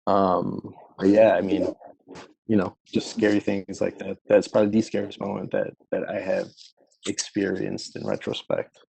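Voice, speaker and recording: A man talks casually and reflectively in a discussion, with many filler phrases. His voice is very creaky and husky, mellow and fairly flat. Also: sits low, normal speed, dry recording, low-quality recording. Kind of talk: casual reflective personal account in a group discussion.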